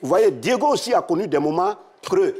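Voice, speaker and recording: A man's voice: sits high, animated, brisk, darkish tone, slightly rough. Chatty man. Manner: talkative, laughs as he tells stories. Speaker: studio guest. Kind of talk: casual studio chat.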